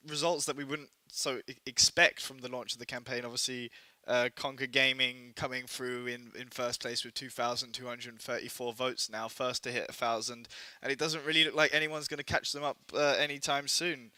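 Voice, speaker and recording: A man's voice: mid-range voice, steady tone, moderate pace, pushed and bright, no echo. A man co-hosting a casual esports podcast in a studio, teasing and joking, his voice a little worn as he is losing it. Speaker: podcast co-host.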